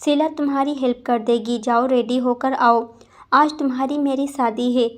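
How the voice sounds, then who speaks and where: A woman reading as a soft-spoken mafia boss. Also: sits high, steady tone, moderate pace, natural voice. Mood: coaxing. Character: calm, domineering young male mafia boss.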